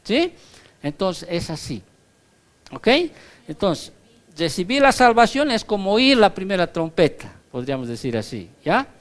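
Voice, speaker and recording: A man's voice: high voice, very animated, measured pace. A male pastor giving a Bible study sermon in a conversational teaching tone, explaining through comparisons and constantly checking that his listeners follow.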